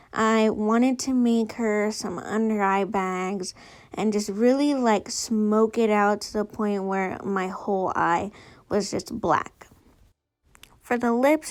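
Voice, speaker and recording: A woman with a noticeable lisp from a retainer, narrating a makeup tutorial in a casual, chatty, informal way. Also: mid-range voice. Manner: chatty, informal, girlfriend-to-viewer talk.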